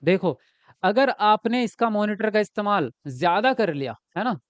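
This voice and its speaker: An animated man with a high voice and moderate pace leads a live online exam-prep lecture on a dry recording. He breaks the material down step by step and raises questions only to answer them himself. Along the way he reads viewer comments out loud and responds.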